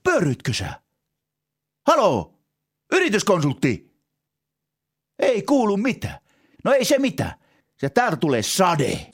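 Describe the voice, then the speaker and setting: An actor playing an eccentric, pushy entrepreneur turned gardener, talking in a rambling sales pitch in a comedy sketch. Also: male voice, wildly swooping pitch, long pauses, breathy edge, heavily acted.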